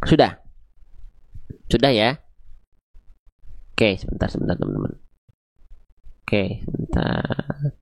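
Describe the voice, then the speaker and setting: A Quran recitation teacher leading an online class, explaining patiently, going slowly and checking often that learners follow. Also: medium pitch, no room sound, studio quality. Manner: patient, repeats slowly, demonstrates sounds. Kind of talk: live online class with a whiteboard.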